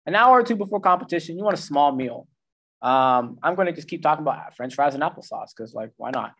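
Slangy, relaxed male nutrition coach. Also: fairly high pitch, fast. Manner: loose and conversational, slangy, acts out the brain in goofy voices. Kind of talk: casual instructional talk.

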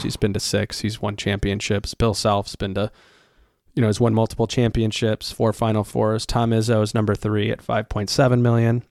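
A man's voice: on the low side, a little mellow, no echo, clean studio sound. A man co-hosting a casual sports podcast, rambling through coaching stats with lots of ums and restarts. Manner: rambling, stacks up stats with many fillers. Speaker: podcast co-host.

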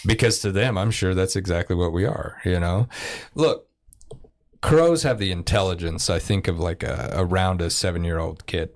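A man talking in a relaxed group podcast chat, musing and reflective as he thinks out loud. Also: low voice, moderate pace. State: married. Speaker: podcast co-host.

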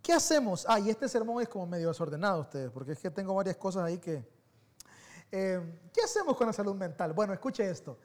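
A man giving a sermon as pastor, telling personal stories in an animated, conversational way that swings between soft and loud. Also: high voice, a little fast.

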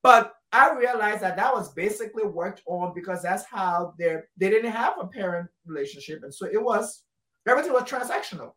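A woman from Liberia talks casually and emphatically, repeating phrases for weight. Her pitch sits at a middle level for a woman, and the room adds a clear echo to her voice. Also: animated, a little fast, fairly bright tone. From Liberia, West Africa. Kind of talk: casual conversational discussion. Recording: roomy echo.

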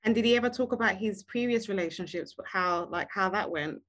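A woman hosting a podcast, introducing her guest and asking gentle, measured questions. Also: medium pitch. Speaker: podcast host. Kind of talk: podcast interviewing.

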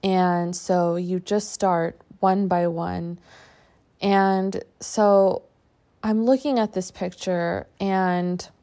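A woman with a slightly low voice speaks at a very slow pace. She delivers a personal, reflective monologue as a podcast host and coach. Her phrases come short and halting, with pauses between thoughts. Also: fairly even intonation, mellow.

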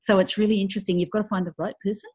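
Husky woman hosting a podcast. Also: medium pitch, fairly even intonation, racing, a little mellow. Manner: chatty, addresses listeners as everybody. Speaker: podcast host. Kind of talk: casual podcast interview.

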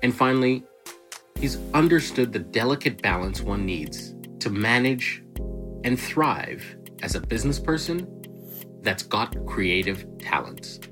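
A man hosting an interview who gives a measured introduction and then asks quick, curious questions. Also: mid-range voice, animated, music in the background. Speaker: host.

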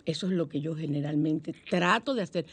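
A middle-aged woman hosting a motivational radio talk, telling stories warmly and acting out the voices she quotes. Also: deep voice, a little fast, husky. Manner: warm, animated storytelling with acted-out quotes. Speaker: radio show host.

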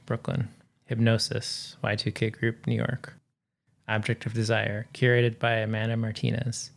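A man co-hosting a podcast, reading a long list in a flat, steady way and chatting casually. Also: lowish voice, vocal fry. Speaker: podcast co-host. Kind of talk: reading a bio list, then casual chat.

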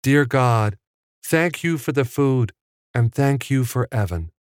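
A man's voice: slow, smooth, dry recording, studio quality. A man voicing an earnest, cheerful young boy in an audiobook. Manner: excited, high childlike voice. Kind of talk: audiobook character voice.

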